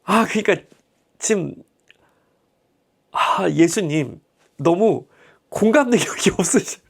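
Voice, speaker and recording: A man's voice: high voice, lively intonation, takes it slowly, vocal fry, breathy edge. A male pastor teaching a Bible class in a chatty, humorous way, often checking in with tag questions.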